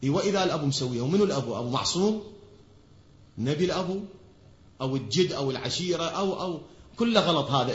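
A man with an Iraqi Arabic accent delivers a rapid, forceful sermon, his voice bright and raised a little high. He keeps firing rhetorical questions at the congregation and answering them. The pulpit audio rings around a large hall and sounds dull and lo-fi. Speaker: preacher.

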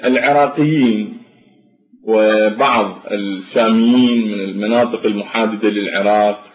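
A man giving a measured spoken lecture, explaining step by step with frequent pauses and fillers. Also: on the low side, fairly even intonation. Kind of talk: spoken lecture on Arabic phonetics. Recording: dull lo-fi recording in an echoey room.

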